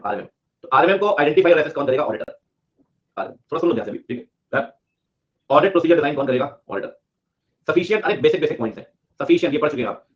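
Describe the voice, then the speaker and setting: Rapid-fire joking male teacher, muffled. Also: fairly high pitch. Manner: joking, mixes English terms into Hindi, presses students for quick answers. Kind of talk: classroom lecture. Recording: muffled lo-fi sound.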